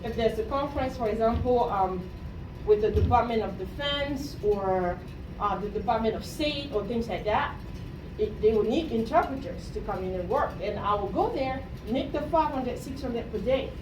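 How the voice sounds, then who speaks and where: A Cameroonian woman coaches university students through a motivational talk, her voice on the high side with lively intonation at a normal speed. She keeps checking in by asking the audience questions, often tacking on "right?". The room sounds roomy, picked up by a distant mic with faint noise.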